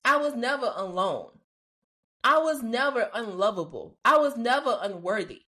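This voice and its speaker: A woman's voice: fairly high pitch, animated, moderate pace, bright, forceful tone. A woman hosting a faith-based podcast, talking casually and expressively, laughing often and dropping slangy asides. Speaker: podcast host.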